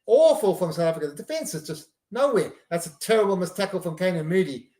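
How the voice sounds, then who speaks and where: A man's voice: high-pitched, sing-song, fast, mellow, reverberant. A man hosting a live stream, giving casual running commentary on a match and reacting to each play.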